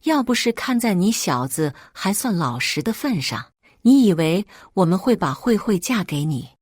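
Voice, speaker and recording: A woman doing a bullying, contemptuous middle-aged father, his voice low-set yet swinging up and down as he blusters. A dry, close storybook reading. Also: very animated, moderate pace, no echo.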